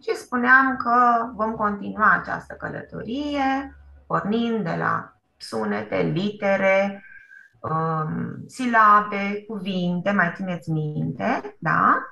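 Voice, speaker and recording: Romanian teacher lady on a video call, gravelly, keeps saying bravo and da, echoey room. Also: mid-range voice, bright, forceful tone, highs cut off. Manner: encouraging, asks "da?" often, praises with "bravo". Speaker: primary school teacher. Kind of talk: online class for young children. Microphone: computer mic on a video call.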